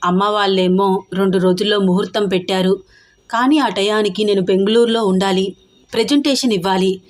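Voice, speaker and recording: A woman voicing an earnest young businessman who pleads softly and reassures his fiancée in an audio story. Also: medium pitch, steady tone, fairly quick, natural voice.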